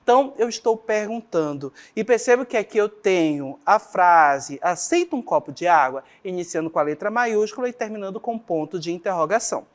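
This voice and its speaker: A woman's voice: mid-range voice, lively intonation, fairly quick, hardly any pauses. A woman teacher with a Brazilian Portuguese accent giving a grammar lesson, explaining patiently and checking in with the class often.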